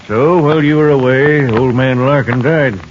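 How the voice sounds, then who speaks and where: An American man with a mid-range, natural voice at normal speed plays a plain-spoken sheriff in a 1950s Western radio drama, sounding worried and concerned. The recording is dull in the 1950s radio style, with faint noise.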